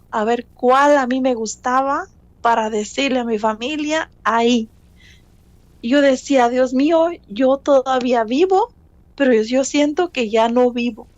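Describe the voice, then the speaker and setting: Brief: middle-aged woman, slow earnest testimony, somewhat high voice, dry close sound. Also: dry recording, lo-fi sound. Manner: slow, earnest storytelling, addresses listener as brother. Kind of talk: emotional personal testimony.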